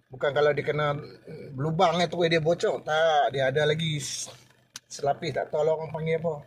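A man's voice: fairly high pitch, a little hiss or hum. Chatty older Malaysian man telling a story. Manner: chatty, addresses the listener as a younger person, acts out what others said. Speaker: former ship deckhand telling a story. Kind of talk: casual spoken storytelling.

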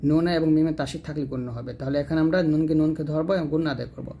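A man teaching Quran recitation rules, alternating slow, drawn-out chanted verses with brisk explanations. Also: a little high, steady tone, dark tone. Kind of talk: tajweed lesson.

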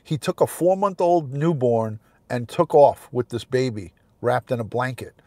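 Guy in his 50s doing casual livestream commentary in his car, average pitch, repeats himself. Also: normal speed, darkish tone, no echo. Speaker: host, retired police detective. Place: inside a parked car.

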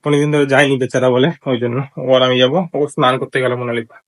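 A man with a Bengali accent, vlogging in casual chat with a sore, scratchy throat. He talks quickly and teasingly to the camera. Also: mid-range voice, flat delivery, a bit bright.

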